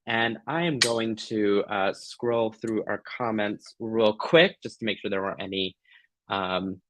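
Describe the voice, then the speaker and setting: A man's voice: lowish voice, steady tone, measured pace, poor audio. A man hosting a live craft tutorial, chatting casually to viewers in a gushing, affectionate, playful way. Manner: giggly, playful.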